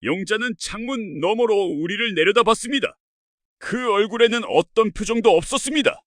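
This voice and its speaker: A man narrating a first-person family story in an earnest, steady way. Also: high-pitched, moderate pace, dry recording, clean studio sound.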